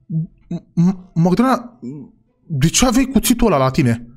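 Excitable male gaming host, high-pitched voice, talks straight to viewers. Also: soft background music. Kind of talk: role-play game commentary to viewers.

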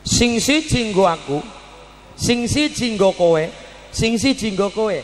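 A preacher voicing a gentle prophet-teacher, lilt. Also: male voice, high voice, animated, slow, in a large hall, voice pushed up. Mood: stern. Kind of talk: storytelling in a sermon.

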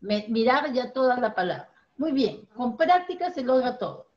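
Encouraging teacher, lo-fi call. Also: female voice, on the high side, very animated, a little mellow. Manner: encouraging, corrects pronunciation slowly. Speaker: primary school teacher. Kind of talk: online reading class.

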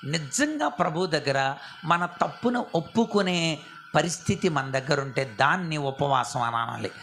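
A male pastor preaching a sermon, often asking the audience questions and acting out prayers in a soft, low voice. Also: lively intonation, a little slow. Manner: asks the audience rhetorical questions.

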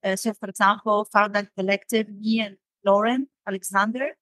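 A designer from Damascus, Syria, appears as a podcast guest, speaking English thoughtfully and often searching for words. Her voice is medium-pitched and a bit bright, with fairly even intonation, a moderate pace, and no room sound.

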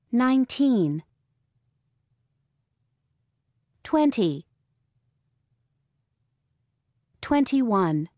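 Slow, deliberate woman reading numbers. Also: a little high, warm tone, dry recording, studio quality. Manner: slow, deliberate, clearly separated words. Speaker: audio track speaker. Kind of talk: slow read-out of numbers for repetition.

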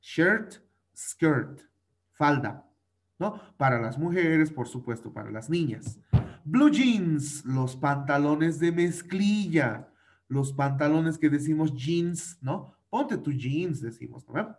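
Male schoolteacher, slightly high voice, patient word-drilling over a video call. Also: expressive, slow. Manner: patient, drills pronunciation, uses diminutives. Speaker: English teacher. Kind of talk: online class for children.

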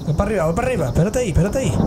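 A man's voice: high-pitched, heavy background noise. A man streaming a horror game, swearing and reacting with jokey running commentary. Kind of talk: horror game let's play.

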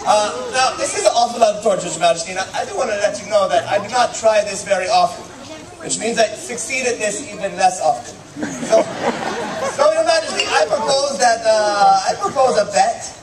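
A man's voice: high-pitched, lively intonation, fairly quick. A man, a middle-aged stage juggler, projecting comic patter with mock-courtly showmanship to a live fair audience. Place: open-air covered stage at a fair. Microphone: far camera in the audience. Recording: distant, echoey, noisy live crowd recording. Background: loud crowd and ambient noise.

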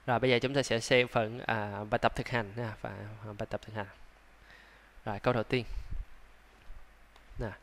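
A man with a Vietnamese accent teaching English pronunciation, sounding out words slowly, repeating them and adding chatty asides. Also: on the low side, little pitch movement. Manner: breaks into soft laughs and chatty asides. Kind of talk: slow, drawn-out pronunciation lesson.

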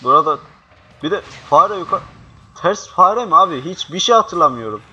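Jumpy young man yelling at a horror game. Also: on the high side, expressive, moderate pace, breathy edge, highs cut off. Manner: jumpy, swearing, swings from panicked yelling to hushed muttering. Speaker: gaming youtuber. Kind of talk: horror game let's play commentary.

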